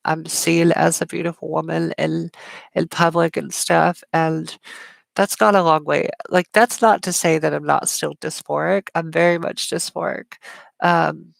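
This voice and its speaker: A woman's voice: low voice, little pitch movement, a little slow, gravelly, no echo. A woman hosting a casual live Q&A stream, talking chattily with frequent fillers, smiling as she speaks, with strongly sibilant S sounds. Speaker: livestream host.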